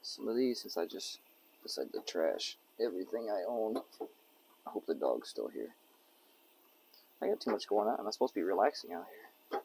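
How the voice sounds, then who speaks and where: A man's voice: on the low side, big pitch swings, moderate pace, long pauses, a little mellow, slight background noise, rough recording. A man vlogging from an outdoor campsite, rambling casually to camera and his dog as he cooks. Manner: rambling, talks to his dog and jokes to himself. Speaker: camping vlogger. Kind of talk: casual talk to camera while cooking.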